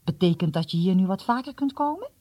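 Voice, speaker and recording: A gentle teenage boy speaks softly and hesitantly, voiced by a male reader. His voice is a bit higher than the narration and mellow. It is a dry, close recording. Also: measured pace, dry recording. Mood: hopeful. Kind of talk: audiobook reading.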